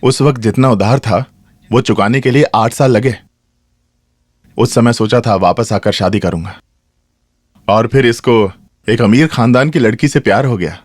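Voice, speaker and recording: In a film scene, a man dubs a cheerful middle-aged lead character who teases his family on the way out. His medium-pitched voice sounds natural, recorded dry and at studio quality, set within a film soundtrack with loud music.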